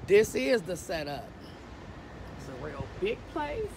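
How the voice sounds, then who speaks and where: A woman's voice: lowish voice, big pitch swings, slow pace. A woman in her thirties vlogging casually while walking through a flea market, blunt and chatty, talking to her viewers. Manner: chatty, blunt, laughing, talks to viewers as y'all. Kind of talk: casual vlog narration. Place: outdoor parking lot, then big indoor flea market. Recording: loud background noise.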